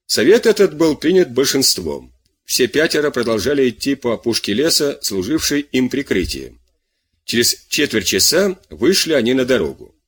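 Husky, expressive male audiobook narrator. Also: mid-range voice, normal speed. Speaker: audiobook reader.

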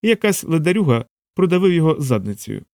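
A man voicing a sharp-tongued young woman in an audiobook, playful and mocking. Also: fairly high pitch, very animated, quick pace, no room sound, clean studio sound, voice pushed up. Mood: teasing.

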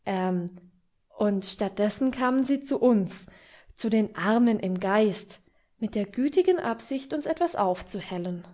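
Woman narrator, audiobook, calm, measured, slow, dark mellow tone. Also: medium pitch. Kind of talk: audiobook reading.

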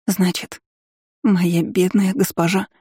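A woman's voice: fairly low pitch, little pitch movement, takes it slowly, dark tone, husky, no echo, studio quality. A woman voicing a timid, tearful young maid who pleads anxiously with her mistress in an audiobook. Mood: pleading, tearful.

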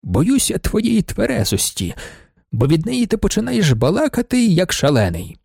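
A man's voice: high-pitched, wildly swooping pitch, normal speed, creaky, darkish tone, slightly rough, no echo, studio quality, voice pushed up, heavily acted. A man voicing a brooding middle-aged merchant who talks in a wry, curt way.

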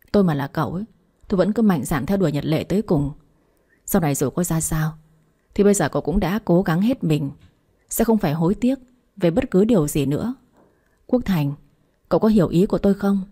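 Woman voicing loyal young woman friend, reassuring, upbeat, mellow. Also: lowish voice, animated, a little fast, pauses often, slightly rough. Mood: encouraging.

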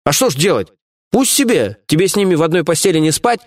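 A man's voice: fairly high pitch, big pitch swings, quick pace, pitched above the performer's own voice. A cowardly, fawning henchman with a much raised, squealing voice, as a male audiobook reader puts him on. He wheedles and whines, tripping over his words. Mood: whining. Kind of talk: audiobook character voice.

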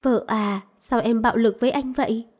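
A woman's voice: a little high, fairly even intonation, normal speed, darkish tone, close to an everyday voice. A woman reading a doting young man. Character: tender doting young man, the male lead.

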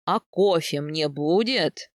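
A woman doing a stern older khan, commanding and gruff. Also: deep voice, slow, dry recording, studio quality, pitched below the performer's own voice. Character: stern older male khan, authoritative father. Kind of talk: audiobook character voice.

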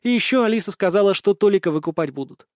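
A man's voice: high-pitched, lively intonation, quick pace, no room sound, clean studio sound, voice pushed up. A man reading an audiobook, voicing a shy, modest young girl bringing news. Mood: timid. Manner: soft, modest.

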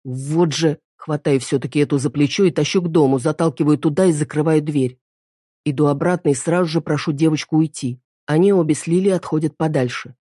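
A woman narrating an audiobook in a steady, even reading. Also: low voice, fast, husky, no room sound, clean studio sound.

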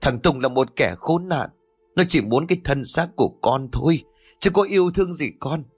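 Man voicing a grieving older mother, wailing, high shrill voice, audio storybook. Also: very animated, moderate pace, a bit bright, slightly rough, dry recording, faint music behind, heavily acted. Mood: weeping.

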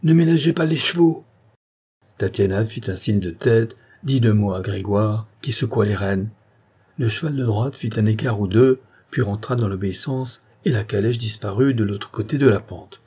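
A man narrating a classic novel in a measured, literary reading style. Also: on the low side, warm tone, slightly rough. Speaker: audiobook narrator. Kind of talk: scripted narration.

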